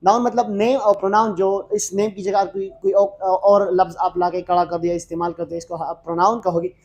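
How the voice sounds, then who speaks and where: A man teaching an English grammar lesson in mixed Hindi and English, explaining slowly and repeating his points with frequent fillers. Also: high voice, little pitch movement, a little mellow.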